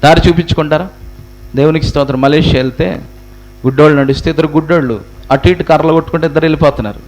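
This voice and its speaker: A man with a high voice delivers a sermon as pastor. He presses his listeners with rhetorical questions and hammers his points home by repeating phrases. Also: rapid-fire, darkish tone, low-quality recording. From India. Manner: preaching with many rhetorical questions to the congregation.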